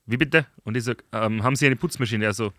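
A young man, a podcast host, chatting casually and acting out stories with lively dialogue. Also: medium pitch, fast. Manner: animated storyteller, acts out dialogue. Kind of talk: casual chat.

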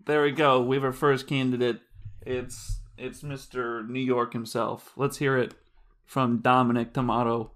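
A man's voice: mid-range voice, little pitch movement, measured pace, fairly bright tone, close to an everyday voice. [name], a man playing a goofy game-show host. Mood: mock-formal. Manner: hesitant, filler-heavy, laughing at himself. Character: pompous male mock game-show host. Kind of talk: mock game-show hosting.

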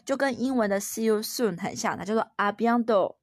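Playful Taiwanese mom teaching French. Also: female voice, a little high, normal speed, no echo, clean studio sound. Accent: Taiwanese Mandarin. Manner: patient, playful and encouraging. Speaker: mother teaching her toddler French. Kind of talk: home-recorded French lesson with a child.

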